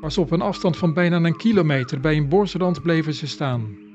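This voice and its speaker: A man narrating a storybook in a calm, measured reading. The recording sounds slightly dull and has faint music. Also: a little high.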